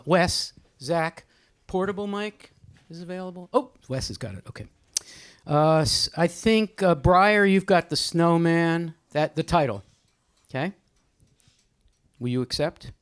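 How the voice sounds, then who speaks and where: A host runs a group discussion indoors at a live gathering, moderating informally with playful teasing, calling on people by name and reading some poetry. The mid-range voice is animated and measured in pace, and there is no echo.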